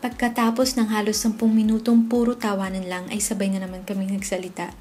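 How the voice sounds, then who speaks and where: A young woman narrating her own story in first person as the dubber of a comic, expressive and lively in delivery. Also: medium pitch, fast talker. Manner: expressive, swings into loud excited shouts. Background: faint background music.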